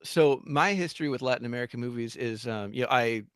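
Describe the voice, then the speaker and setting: A man from Southern California, a podcast guest chatting in a relaxed, easygoing way. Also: mid-range voice, fast talker, smooth, no echo, clean studio sound. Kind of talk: casual podcast chat.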